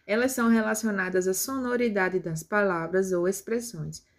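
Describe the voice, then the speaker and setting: A woman's voice: mid-range voice, normal speed. Woman teacher explaining grammar step by step. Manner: explains step by step with tag questions. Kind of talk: grammar lesson.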